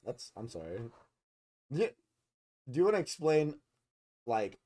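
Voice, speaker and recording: A man's voice: fairly high pitch, sing-song, a little slow, mellow. A man co-hosting a podcast, asking questions and making joking asides in casual chat. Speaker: podcast co-host.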